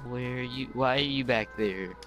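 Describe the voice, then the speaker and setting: A man talking in a laid-back, halting way while playing a game with a friend. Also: mid-range voice, over music. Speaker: gamer. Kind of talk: casual gameplay chat.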